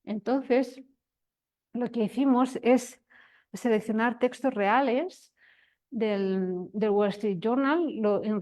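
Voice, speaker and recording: A woman's voice: fairly high pitch, darkish tone. A woman giving an academic lecture, explaining step by step with frequent restarts and emphatic rises.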